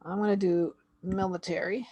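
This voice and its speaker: A woman's voice: mid-range voice, flat delivery, moderate pace, warm tone, husky, highs cut off. A woman reviewing a homeschool website, talking casually and thinking aloud as she clicks through it. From Canada. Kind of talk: screen-share website walkthrough.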